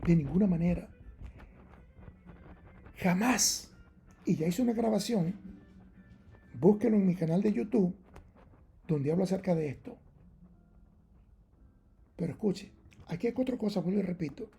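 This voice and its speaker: Gravelly, husky male preacher. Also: sits high, unhurried, pauses often, dark tone, soft background music. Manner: emphatic, repeats key points over and over; argumentative, challenges rival readings. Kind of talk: Bible-teaching sermon.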